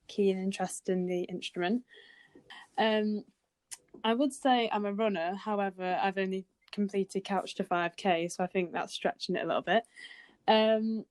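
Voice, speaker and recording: A woman's voice: mid-range voice, darkish tone, clear, resonant tone, dry recording. Woman from Cheshire, 20s, podcast co-host; earnest, modest, recorded dry and close. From Cheshire, England. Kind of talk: casual chat.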